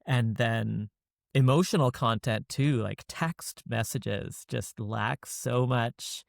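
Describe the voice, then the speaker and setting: A man hosting a podcast, speaking in a measured way and laying out his ideas step by step. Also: medium pitch, creaky, no room sound, clean studio sound. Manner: measured, explains in orderly steps. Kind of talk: casual conversation.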